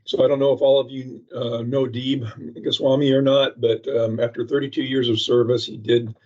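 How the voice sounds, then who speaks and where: A man's voice: medium pitch, flat delivery, a little mellow. Muffled man on a remote call. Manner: speaks in halting bursts with many fillers and restarts. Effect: muffled, as if heard through a wall. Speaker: state agency presenter at a public meeting. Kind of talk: presenting a slide update. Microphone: remote call microphone with a patchy connection.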